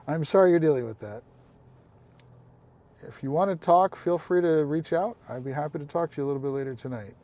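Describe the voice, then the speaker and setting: A man's voice: a little high, a little fast, mellow. A man hosting a casual live stream, chatting with viewers, calling them by name and making apologetic asides.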